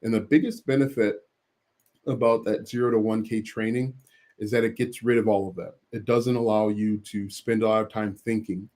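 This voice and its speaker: A man's voice: on the low side, level tone, normal speed, a little mellow. A man hosting a casual livestream, reading viewer questions from the chat and answering them with frequent fillers and restarts.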